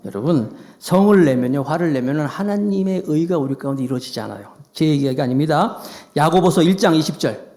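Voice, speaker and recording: A man preaching a Sunday sermon as pastor, animated, acting out quoted voices. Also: on the high side, a little fast.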